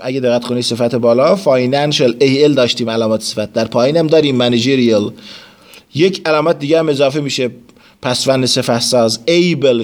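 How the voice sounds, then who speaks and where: A man teaching an English lesson. He explains word forms step by step, reads the English phrases slowly and then translates each one. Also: mid-range voice. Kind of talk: classroom vocabulary lesson.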